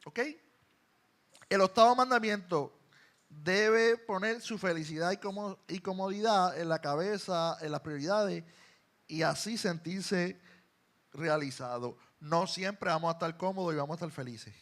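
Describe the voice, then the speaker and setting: High-voiced Puerto Rican pastor preaching. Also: male voice, measured pace. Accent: Puerto Rican Spanish. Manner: swings between soft, low asides and loud, emphatic preaching. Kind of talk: sermon. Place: church.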